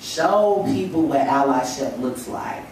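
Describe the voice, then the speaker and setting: On a panel in a lecture hall, a young woman with a stuffy cold speaks emphatically and rhetorically into a table stand mic, saying "you know" a lot in her impassioned talk. Her voice is extremely low, expressive, slow and a little mellow. The recording is echoey, the mic far off, with slight background noise.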